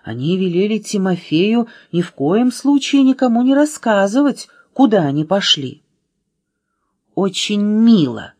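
A woman reading a children's storybook aloud in an expressive way, changing voices for the figures. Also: moderate pace, few pauses. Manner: expressive, changing pitch for drama. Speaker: reader.

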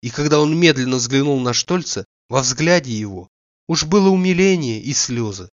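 Man narrating calmly. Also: mid-range voice, moderate pace, dry recording. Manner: calm, even narration. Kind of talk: audiobook reading of a classic novel. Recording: dull dry lo-fi recording.

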